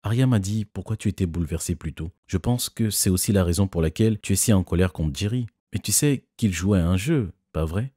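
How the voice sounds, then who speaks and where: A man voicing a gentle young woman in an animated storybook, speaking softly. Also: lowish voice, a little fast, few pauses, slightly rough, no room sound, studio quality.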